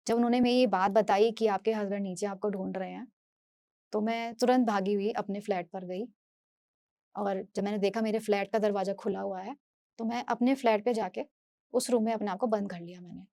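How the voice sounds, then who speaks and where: A woman from Delhi giving an earnest, halting first-person testimony as a speaker, often restarting and repeating her phrases. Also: mid-range voice, fairly even intonation, creaky, mellow, no echo. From Delhi, India. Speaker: speaker sharing a personal story.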